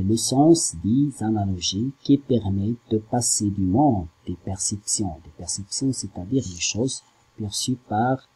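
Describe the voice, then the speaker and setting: Un homme, professeur de littérature, qui explique un poème lentement et en hésitant, en découpant les syllabes. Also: male voice, on the low side, a little mellow, husky, low-quality recording. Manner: slow, hesitant, spells out syllables. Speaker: French literature teacher. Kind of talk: slow classroom explanation.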